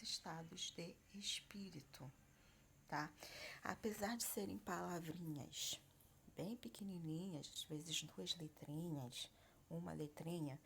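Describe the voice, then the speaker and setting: A woman's voice: on the low side, gravelly, slight background noise. A woman teacher explaining grammar in a patient, explanatory way, often checking in with her students. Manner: explanatory, frequent check-ins. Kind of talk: grammar lesson.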